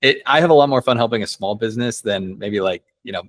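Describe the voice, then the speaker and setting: A man who is a company co-founder, guest on a podcast, speaking in a relaxed, casual way with some mild swearing. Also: fairly low pitch, quick pace. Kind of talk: casual interview chat.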